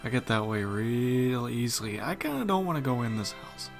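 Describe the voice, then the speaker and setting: Gravelly, jumpy Southern US man. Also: mid-range voice, sing-song, moderate pace, music in the background. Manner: jumpy, nervous, swears often. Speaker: gameplay commentator. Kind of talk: casual let's-play commentary.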